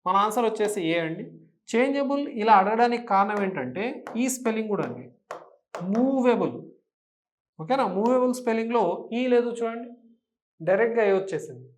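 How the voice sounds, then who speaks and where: A man's voice: high voice, very animated, fairly quick, pauses often. A man with a Telugu accent teaching English for an exam, explaining patiently and often checking that students follow. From Telangana, India. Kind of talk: exam-prep lesson.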